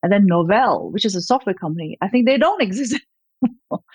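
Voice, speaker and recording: Talking fast and expressively in a mid-range, slightly mellow and slightly rough voice, a woman in her fifties from Malaysia appears as an interview guest. She's a gallerist who rambles, using many fillers and laughing lightly. No echo is present.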